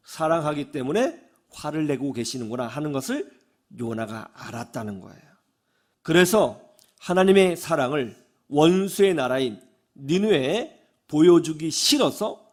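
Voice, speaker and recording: A male pastor delivering a sermon, animated, often putting questions to the congregation. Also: fairly high pitch.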